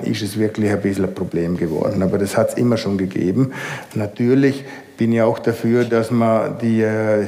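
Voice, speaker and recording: A man in his sixties speaking as a guest in a stage discussion, measured and hesitant, in a large hall. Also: on the low side, warm tone. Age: 60s.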